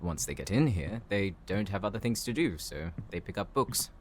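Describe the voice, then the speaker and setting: Man acting a low-voiced, courteous professor. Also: expressive, moderate pace, slight background noise. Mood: courteous, helpful. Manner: polite, formal, composed. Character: courteous, bookish male professor, calm and considerate. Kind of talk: scripted audio roleplay addressed to the listener.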